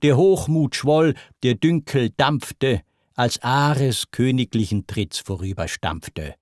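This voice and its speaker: Male narrator for epic verse; declamatory and rhythmic, unhurried, dry close sound. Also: mid-range voice, a little mellow, no echo. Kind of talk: dramatic verse recitation.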